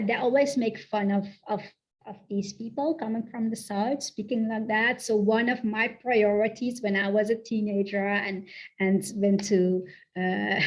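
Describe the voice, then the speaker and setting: A spiritual coach from the south of the Netherlands speaks with a Dutch accent in a mid-range voice, slowly and softly, during a channeled guided talk. She repeats her affirmations, and the recording is muffled.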